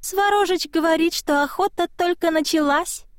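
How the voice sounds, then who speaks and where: A woman voicing a tiny, mocking household spirit with a high childlike voice in an audiobook. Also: normal speed, no echo, clean studio sound. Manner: mocking, giggling. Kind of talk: audiobook reading.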